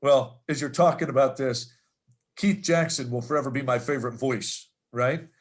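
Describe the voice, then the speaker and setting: A man's voice: mid-range voice, moderate pace. Reflective middle-aged male podcast co-host. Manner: reflective and chatty, musing aloud. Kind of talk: casual chat.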